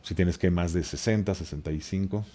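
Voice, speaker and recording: A Mexican man in his forties appears as an expert podcast guest, explaining things casually and hesitantly in a low-pitched voice. His tone is brisk and warm, and he rambles loosely, often drifting into side remarks.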